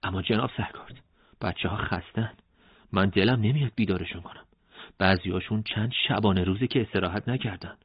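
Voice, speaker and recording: A cautious, protective fighter who speaks firmly and evenly, as a man narrating puts him on. His voice is low and husky. The recording sounds dull. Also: no room sound.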